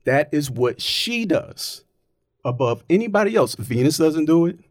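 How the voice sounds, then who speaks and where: Male, argumentative casual talker, animated delivery, dry close sound. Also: a little high, unhurried, no room sound. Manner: emphatic, argumentative, keeps checking with "right?". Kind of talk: casual opinionated chat.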